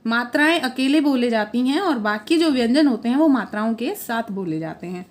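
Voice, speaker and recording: A woman's voice: fairly high pitch, animated, brisk. A woman teaching a phonics lesson for children, patiently sounding letters out one by one and correcting her own slips as she goes.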